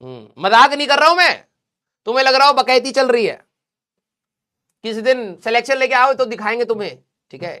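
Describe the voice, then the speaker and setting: A man's voice: very high-pitched, animated, brisk, long pauses, bright, forceful tone, clean tone. A young man teaching a live online physics class in a chatty, joking way, teasing his students. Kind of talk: casual live class lecture.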